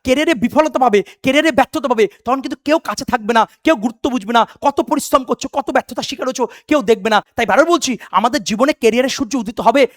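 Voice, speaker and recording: High-voiced fast-talking male tutor. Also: fairly bright tone, no echo, clean studio sound. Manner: drilling rules by repetition, calling students "baba" and "beta"; fervent motivational pep talk. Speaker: exam-prep English teacher. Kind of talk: online exam coaching lesson.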